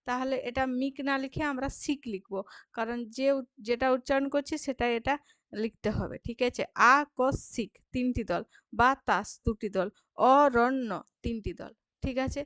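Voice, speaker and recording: A woman's voice: on the high side, no echo. A woman teacher with a Bengali accent, reading workbook questions and answering them, drawing words out syllable by syllable.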